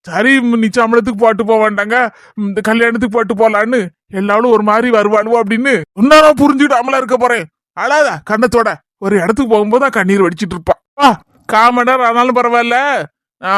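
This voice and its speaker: A man's voice: very high-pitched, a bit bright, dry recording. Guy doing a bossy husband, kanyakumari accent, bosses everyone around, dry close sound. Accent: Kanyakumari Tamil. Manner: scolding and ordering. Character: bossy middle-aged husband and father. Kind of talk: family comedy skit.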